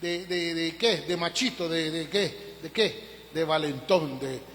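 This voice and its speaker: A male pastor preaching a sermon, emphatic, asking rhetorical questions and rising suddenly in pitch and volume. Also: takes it slowly, a bit bright. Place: church hall. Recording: long hall reverb.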